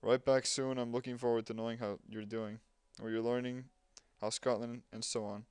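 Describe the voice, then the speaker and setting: A man's voice: medium pitch, level tone, normal speed, a little mellow, smooth, no room sound. A man doing let's play commentary, reading game dialogue aloud and breaking off with sarcastic asides. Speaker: gamer playing a game.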